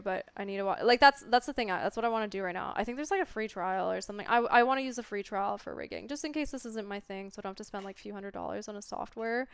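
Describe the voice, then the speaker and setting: A woman's voice: mid-range voice, fairly bright tone, smooth, no echo, clean studio sound. A stoned woman streamer chatting casually to viewers in a rambling, laid-back stoner way that drifts into tangents. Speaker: livestreamer. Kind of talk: casual livestream chat with viewers.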